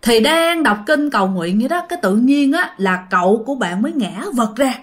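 A young woman narrates a ghost story in a relaxed, chatty way. She keeps turning to her listeners as she goes. Her voice sits a little high. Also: fairly quick. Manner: chatty, addresses listeners directly.

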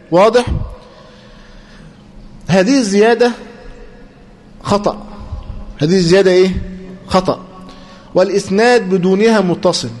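Egyptian male teacher, high-pitched, drills students with prompting questions. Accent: Egyptian Arabic. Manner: repetitive, prompts students to finish sentences. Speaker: teacher of hadith terminology. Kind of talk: classroom lecture with call-and-response questions.

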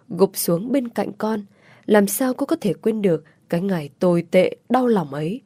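Brief: female audiobook narrator, measured emotive reading, dry close sound. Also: mid-range voice, mellow, dry recording. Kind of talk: scripted story narration.

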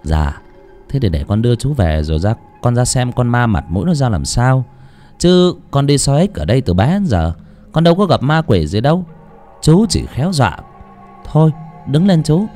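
A man voicing a respectful young villager who calmly reassures an older man. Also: mid-range voice, moderate pace, faint music behind, close to an everyday voice. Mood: reassuring.

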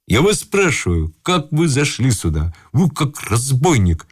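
A man voicing a fussy, irate old husband who blusters and shouts at an intruder. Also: mid-range voice, big pitch swings, a little slow, breathy edge, voice pushed up. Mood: blustering.

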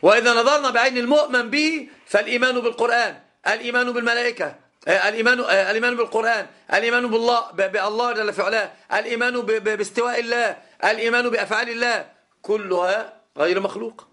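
A middle-aged man, an Islamic scholar giving a classroom lecture, emphatic and repeating key phrases, slowing down to stress points. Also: very high-pitched, sharp tone. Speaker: Islamic scholar teaching a lesson. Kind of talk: classroom lecture on legal theory.

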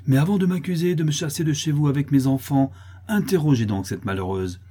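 A man's voice: fairly high pitch, brisk, mellow, husky, pitched above the performer's own voice. A man reading the part of a vengeful widowed milkmaid, harsh and accusing.

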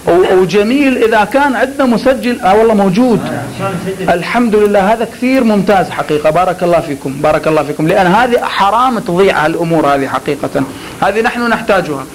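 A man's voice: high voice, animated, quick pace, low-quality recording. A man teaching pulpit oratory in a classroom lecture, drawing out words to demonstrate delivery and talking to his students with joking asides.

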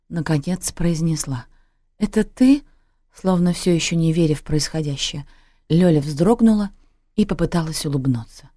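A woman reading a literary story aloud in a measured, expressive way. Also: deep voice, no room sound. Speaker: audiobook narrator.

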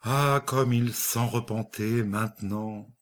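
Slow, measured male storybook narrator. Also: mid-range voice, fairly even intonation. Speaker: audiobook reader. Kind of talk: scripted narration of a short story.

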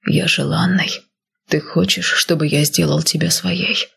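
A woman reading the lines of a possessive, commanding husband in an audiobook, low and half-whispered. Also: steady tone, measured pace, a bit bright, heavily acted. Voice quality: husky, breathy.

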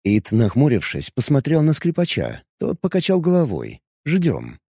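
A male audiobook narrator with a mellow, darker tone and a lively, expressive pitch. He reads in an even, unhurried way, recorded dry and close to the mic. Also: creaky, husky, dry recording. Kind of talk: scripted narration.

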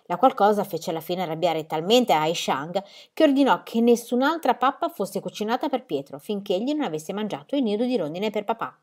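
A woman reading a children's story aloud, calm and expressive. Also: medium pitch, fairly quick, hardly any pauses. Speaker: reader. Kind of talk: audiobook reading.

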